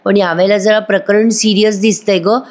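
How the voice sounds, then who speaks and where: A woman's voice: medium pitch, level tone, normal speed, darkish tone, natural voice. Woman voicing a reassuring middle-aged man. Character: worried middle-aged man caring for his wife.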